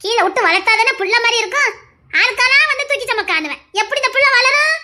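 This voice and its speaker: A woman's voice: extremely high pitch, expressive, fast talker, bright, forceful tone, heavily acted. A woman voicing a fussing village mother who coaxes and grumbles at her child in a comic skit. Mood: grumbling. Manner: coaxing then grumbling, talks in long runs.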